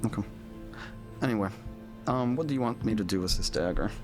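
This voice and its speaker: A man with a lowish voice speaks briskly while playing a tabletop game in character. His role-play is defiant and sarcastic, broken up by frequent laughter, with music playing behind him.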